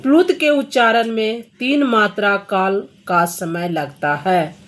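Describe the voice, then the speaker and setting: A woman's voice: mid-range voice, slow. A woman teacher going through Hindi grammar questions for students, reading each question and then patiently explaining the answer.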